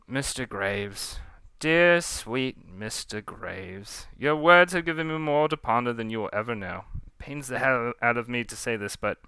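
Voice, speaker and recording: A man acts out a swaggering female pirate captain in a storytelling performance, brash and vengeful. The accent is a rough Cockney drifting toward Australian. The sound is crisp, bright and close. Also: mid-range voice, animated, unhurried, no echo. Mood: mock regretful. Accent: attempted Cockney, slipping toward Australian. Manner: brash, menacing, salty slang.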